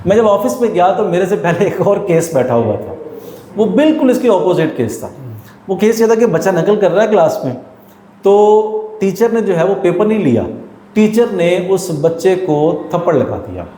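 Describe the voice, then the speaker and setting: A man's voice: high voice, very animated, mellow, a little hiss or hum. Earnest male teacher in an echoey room. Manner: earnest, explanatory, mixing English terms. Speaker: teacher and guest. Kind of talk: storytelling in an interview.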